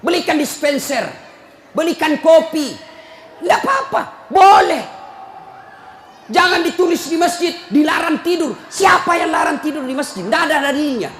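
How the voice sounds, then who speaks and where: A man preaching a humorous sermon, teasing and scolding his listeners and often breaking into shouts. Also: extremely high pitch, animated, moderate pace. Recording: echoey hall, faint crowd and noise.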